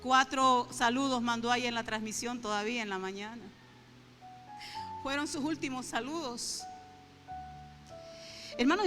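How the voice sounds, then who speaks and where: A woman's voice: high-pitched, sharp tone. A middle-aged woman preaching an earnest, conversational sermon in church, speaking straight to the congregation and slipping into fervent prayer. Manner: earnest, addresses the congregation directly; emotional, breaks into fervent prayer. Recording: reverberant church hall with faint instrumental music.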